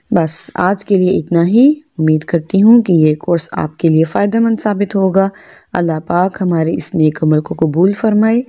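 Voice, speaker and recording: A woman's voice: on the low side, dark tone, no room sound, clean studio sound. A woman Quran teacher giving a patient, step-by-step pronunciation lesson, stretching out each practice word with careful articulation.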